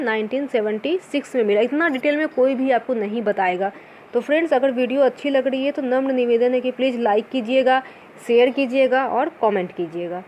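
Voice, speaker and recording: A woman's voice: high-pitched, a little mellow, a little hiss or hum. A woman teaching an exam-prep lesson. She poses her own questions and answers them, mixing English words into her talk.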